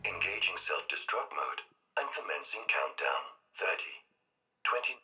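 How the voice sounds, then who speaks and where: A man voicing a malfunctioning male robot construct in a video game. The robot glitches as it shuts down, speaking in a flat mechanical monotone with a breathy, toneless edge. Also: deep voice, moderate pace, faint music behind, heavily acted, low-quality recording. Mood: failing.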